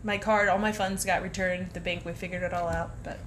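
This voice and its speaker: A woman's voice: on the low side, little pitch movement, brisk, a bit bright, slight background noise. A young woman co-hosting a podcast, telling travel stories in a rambling, casual way and laughing often. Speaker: podcast co-host. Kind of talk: casual storytelling chat.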